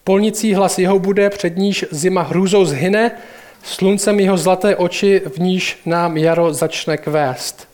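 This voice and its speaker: Earnest storybook beaver guy, a man reading him out, high voice. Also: fairly even intonation, darkish tone, natural voice. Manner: read aloud from a storybook, earnest. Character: friendly talking male beaver, proud and earnest.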